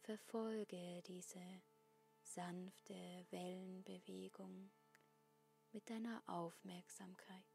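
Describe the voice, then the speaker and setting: A woman guiding a breathing meditation in a soft, breathy, half-whispered spa voice, giving calm instructions with long pauses. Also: fairly low pitch, faint music behind.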